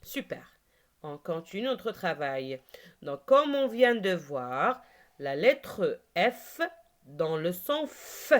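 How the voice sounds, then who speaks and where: A woman teacher walks her learners through a phonics lesson at a very slow, deliberate pace. She says each word clearly and waits for them to repeat it. Her pitch rises and falls in a lively way. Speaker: French reading teacher.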